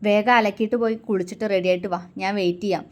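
A woman reading a story aloud and voicing a teasing young man who acts gruff but is affectionate underneath. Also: medium pitch, steady tone, racing, natural voice. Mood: mock-stern. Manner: teasing, mock-stern.

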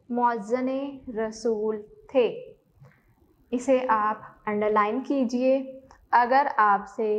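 Woman, teacher, classroom lesson, very slow, deliberate, repeats words, slightly high voice. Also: dull audio. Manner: corrects herself mid-sentence.

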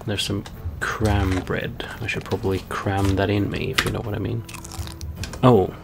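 A man's voice: lowish voice, flat delivery, a little slow, gravelly, noisy background. A man giving casual, wry game commentary, understated, as if muttering to himself. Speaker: let's-play commentator.

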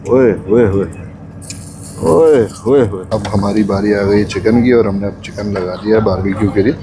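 At a mountain picnic spot, a travel vlogger with a fairly low, unhurried voice chats casually with viewers and points things out as he goes. Wind and passing vehicles make faint outdoor noise behind him.

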